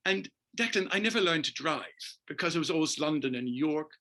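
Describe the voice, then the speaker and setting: Middle-aged guy from northern ireland, dance guy on an interview, keeps saying the host's name, bright forceful voice, kinda high. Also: fast talker. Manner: animated, emphatic storyteller who keeps addressing the host by name. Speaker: guest, dancer and choreographer. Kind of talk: storytelling interview.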